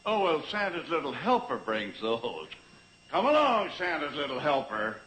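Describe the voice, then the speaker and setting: An actor playing a jolly, festive Santa with a ho-ho delivery in a 1960s television sitcom. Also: male voice, fairly high pitch, very animated, normal speed. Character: hobo turned jolly Santa, booming and festive. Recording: noisy old television soundtrack.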